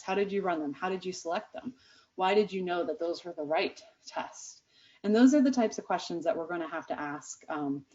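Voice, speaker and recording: A woman's voice: on the low side, darkish tone. A woman giving a conference research presentation, speaking earnestly with many ums and restarts. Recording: dull lo-fi sound.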